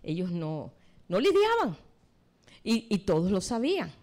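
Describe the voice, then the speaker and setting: A woman's voice: medium pitch, wildly swooping pitch, a little slow, darkish tone. A woman preacher giving a sermon, retelling a scripture story and addressing the congregation directly.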